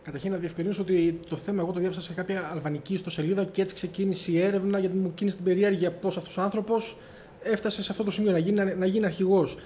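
A man working as a reporter, explaining his investigation in a measured, explanatory way. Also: high-pitched, fairly even intonation, mellow, a little hiss or hum.

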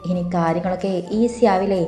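A woman's voice: fairly low pitch, fairly quick, warm tone, reverberant, close to an everyday voice. A woman playing a sly, gossipy female coworker. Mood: snide. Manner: snide, insinuating.

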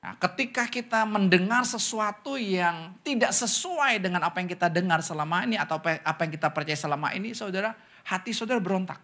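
A man preaching a sermon as pastor, talking straight to the congregation and acting out questions in other voices. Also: fairly quick. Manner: animated preaching, often calls the congregation "saudara"; acts out questioners' voices in higher pitch.

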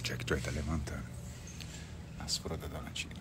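A man's voice: rumbling low, level tone, moderate pace, heavy background noise. A young man chatting casually to his phone camera outdoors on a country estate, easygoing and teasing. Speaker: vlogger. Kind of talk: casual vlog chat.

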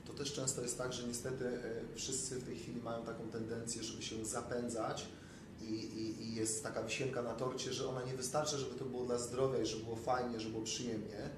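A man's voice: medium pitch, level tone, a little fast. A man in his forties, a trainer and dietitian, chatting casually and filling his talk with asides. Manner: talkative, fills with "wiesz". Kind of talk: casual conversation. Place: bright office room. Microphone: far camera. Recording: echoey room from far off with noise.

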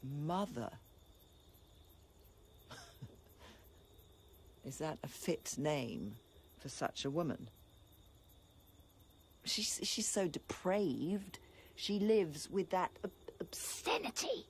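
An actress playing a bitter, grieving young princess in a classical stage tragedy, impassioned, with sharp outbursts among low laments. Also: female voice, sing-song, drawn-out words, long pauses, a little hiss or hum, heavily acted. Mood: scornful anguish.

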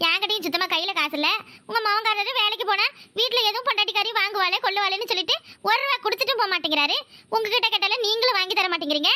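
A nagging, sharp-tongued young village wife from a cartoon, as a woman voices her, with a Kanyakumari Tamil accent. The voice is extremely high and piercingly bright, rattling on fast. It sounds close and dry. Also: dry recording, full character voice. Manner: nagging, quarrelsome. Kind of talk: cartoon voice acting.

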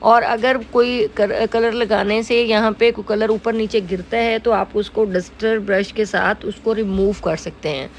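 A woman's voice: medium pitch, fairly even intonation, unhurried, few pauses. A middle-aged woman with a Pakistani Urdu accent talks through a makeup tutorial as a salon owner. Her speech is chatty and loose, full of filler phrases and small restarts. Faint room noise sits under her mid-range voice. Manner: chatty, repeats "jo hai woh" fillers. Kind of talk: casual makeup tutorial narration.

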